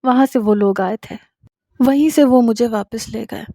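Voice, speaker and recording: A woman's voice: on the high side, warm tone, dry recording, studio quality. A woman narrating a tragic romance in the first person, in an emotional, intense scripted storytelling style.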